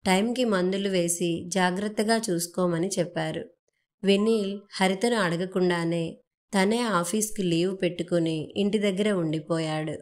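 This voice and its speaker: Woman storyteller for audiobook narration, steady and even. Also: fairly low pitch, normal speed.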